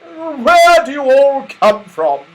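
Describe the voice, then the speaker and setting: A man's voice: very high-pitched, sing-song, slow pace, voice pushed up, heavily acted, poor audio. A man reading a storybook, voicing a big, jolly Santa Claus in a hearty, exclamatory manner. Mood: puzzled.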